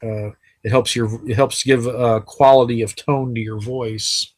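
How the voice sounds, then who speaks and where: Casual man lecturing, flat even voice. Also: medium pitch, a little slow, dry recording, rough recording. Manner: casual, chatty explanations with frequent fillers. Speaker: anatomy instructor. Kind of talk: recorded lecture over slides. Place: sitting while recording.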